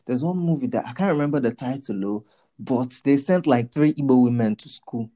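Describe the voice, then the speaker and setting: A man's voice: medium pitch, a little fast, dark tone. A man chatting casually as a podcast co-host, playful and teasing, using plenty of street slang. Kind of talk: casual chat.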